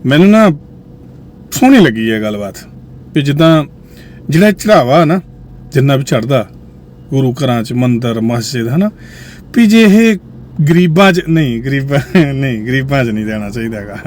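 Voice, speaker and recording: A male host talking to viewers in a musing way, often sinking to a low quiet voice. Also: big pitch swings, normal speed, long pauses, slight background noise. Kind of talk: reflective commentary to viewers.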